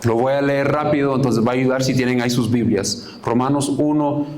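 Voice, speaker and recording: A man's voice: medium pitch, fairly even intonation, fairly quick, darkish tone. A man preaching a sermon as pastor, earnest, repeating key phrases for emphasis and reading scripture aloud, stopping to correct himself.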